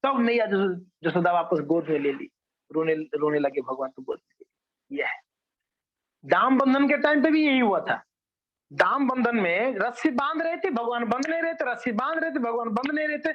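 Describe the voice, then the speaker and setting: A man with a high voice preaches in a lively storytelling way. He asks questions and answers them himself. The recording is dull and lo-fi. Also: moderate pace. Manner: animated, asks and answers his own questions. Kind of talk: storytelling sermon.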